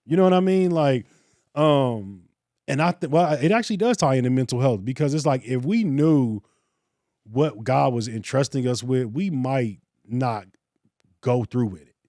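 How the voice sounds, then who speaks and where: A man's voice: medium pitch, measured pace, dry recording. Male podcast co-host, thirties, earnest and preacherly, dry close mic. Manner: earnest, preacherly, animated storytelling. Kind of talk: casual podcast discussion.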